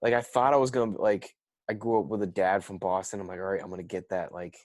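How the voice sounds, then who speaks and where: A man's voice: sits low, steady tone, quick pace, no echo, studio quality. A young man with a Southern US accent, a comedian chatting casually as a guest on a podcast recorded over a video call, rambling and laid-back. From Georgia.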